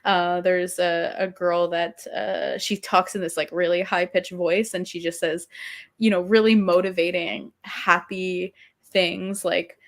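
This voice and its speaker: A woman's voice: fairly low pitch, little pitch movement, a little slow. A woman co-hosting a podcast, chatting casually with lots of fillers and restarts. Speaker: podcast co-host. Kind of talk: casual chat.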